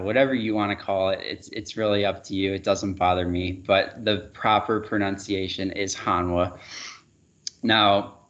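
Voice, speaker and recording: A man giving a relaxed sales presentation over a video call, with frequent fillers and restarts. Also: lowish voice. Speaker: regional sales manager presenting a webinar. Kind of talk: casual product presentation. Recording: dull, muffled webinar audio.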